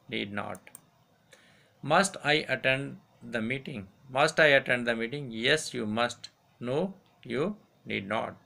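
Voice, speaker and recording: A male teacher with a gravelly, creaky voice, pitched mid-range. He reads grammar rules and example sentences aloud, saying each one twice at a deliberate dictation pace. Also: sharp tone. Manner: repeats each example sentence slowly, switches to Hindi to explain. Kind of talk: grammar lesson, read aloud and repeated.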